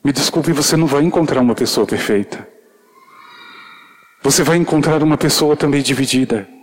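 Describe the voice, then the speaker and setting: A man's voice: medium pitch, a little fast, breathy edge. A male preacher giving an earnest sermon, speaking intimately to the congregation with shy, self-deprecating humor.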